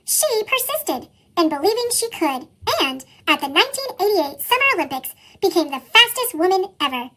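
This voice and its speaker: A storybook reader whose voice has been sped up and pitched up into a chipmunk voice, reading a children's picture book aloud in a steady, earnest way. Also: normal speed, hardly any pauses.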